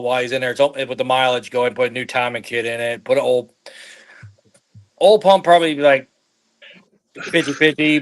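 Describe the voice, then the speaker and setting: A man on a video call, calmly giving practical advice in a casual chat. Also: medium pitch, low-quality recording. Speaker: guest on the call.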